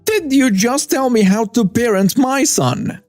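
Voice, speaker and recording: A man's voice: very high-pitched, expressive, a little slow, a little mellow, no echo, voice pushed up. A man putting on a scornful entitled mother. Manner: scornful, insulting. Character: rude entitled middle-aged mother, shrill and hostile.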